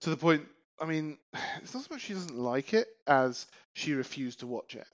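A man's voice: a little high, sing-song, moderate pace, dull audio. A man co-hosting a casual chat podcast, joking and swearing and often trailing off mid-sentence. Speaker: podcast co-host.

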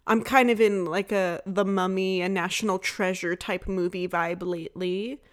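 Young adult woman podcast co-host, slight lisp, loose rambling delivery full of fillers, mid pitch. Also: fairly even intonation, moderate pace. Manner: rambling, lots of "like" fillers, self-described lisp. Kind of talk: casual chat.

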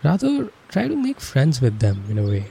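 A man leading a guided meditation as an instructor, speaking in a calm, soothing and unhurried manner. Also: mid-range voice, gravelly, slight background noise.

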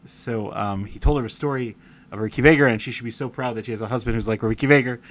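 A man's voice: mid-range voice, fast talker. A man giving a conversational Torah lecture, wandering between stories and reading letter passages with feeling, scattering Hebrew and Yiddish terms as he goes. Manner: reads quoted letter passages aloud with feeling. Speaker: Torah teacher.

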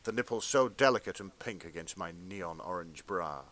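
Bright-voiced man reading with mock gravity. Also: low-pitched, animated, normal speed, low-quality recording. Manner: mock-earnest reading, breaking into laughter. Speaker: podcast host. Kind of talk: comedic dramatic reading of fan fiction.

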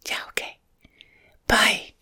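A woman speaking in soft, hushed whispers, gently reassuring as she plays a visiting friend in an ASMR roleplay. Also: slow. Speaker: ASMR creator.

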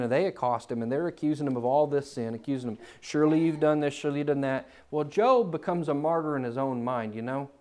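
A man preaching a sermon in a church, swinging from loud, climbing emphasis to quiet, low asides.

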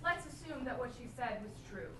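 Insistent high-voiced woman in echoey room. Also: expressive, a little fast. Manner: insistent, pressing. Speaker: audience questioner. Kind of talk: argumentative questioning in a live discussion. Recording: echoey room, distant mic, clear noise.

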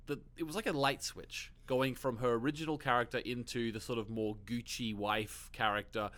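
A man's voice: medium pitch, steady tone, moderate pace, a bit bright. A man co-hosting a podcast, chatting casually about movies, eager and repetitive, laughing often. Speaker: podcast co-host.

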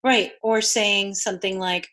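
Animated woman coach, Spanish native. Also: mid-range voice, measured pace. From New York City. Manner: animated storyteller, acts out quoted voices. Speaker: business coach. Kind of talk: conversational interview.

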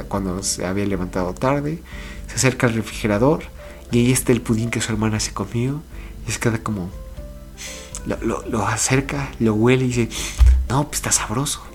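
A man's voice: medium pitch, normal speed, soft background music. A man casually retelling a film, chatty and full of fillers and repeats. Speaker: film recap narrator.

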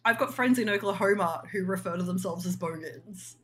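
A woman's voice: medium pitch, fairly quick, slight background noise. A woman co-hosting a casual podcast chat, frank and full of fillers. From Australia. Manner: chatty, filler-heavy, frank. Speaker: podcast co-host.

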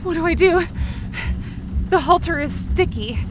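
Loud sound effects and noise run behind a woman narrating first-person horror fiction in the present tense. She's a podcast writer and performer whose very high-pitched, expressive voice moves at a measured pace, telling the story with dramatic urgency.

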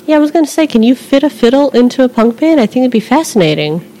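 A woman's voice: sits high, sing-song, fast talker, warm tone, low-quality recording. A woman hosting a casual chat, playful and enthusiastic, laughing easily. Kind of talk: casual conversation.

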